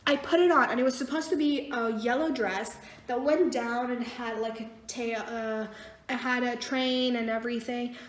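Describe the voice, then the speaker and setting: A young woman casually telling a story as a vlogger, animated and blunt, swearing freely. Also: on the high side, moderate pace. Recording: echoey room.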